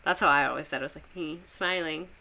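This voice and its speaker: A young woman teacher with a Southern US accent gives a rambling, chatty history lesson on a livestream, full of fillers and laughs. Her voice is low and fast, with vocal fry, and sounds pushed and bright.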